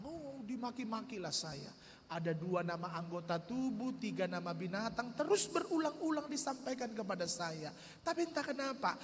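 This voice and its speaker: Pastor guy preaching, high voice, animated story, echoey church hall. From North Sumatra, Indonesia. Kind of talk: storytelling sermon. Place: church sanctuary. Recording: reverberant church hall, faint noise.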